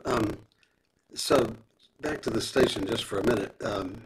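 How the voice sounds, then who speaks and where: A low-voiced man interviews a guest over a remote internet call. His audio is staticky and keeps breaking up, with loud hiss behind his words. He asks his questions in a conversational way, with plenty of hesitant ums. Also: measured pace. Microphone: remote call connection.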